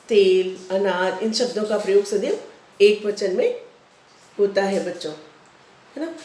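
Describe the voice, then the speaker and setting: A woman's voice: a little high, darkish tone, roomy sound. A woman schoolteacher giving a patient grammar lesson to children, repeating rules and examples. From India. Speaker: school teacher.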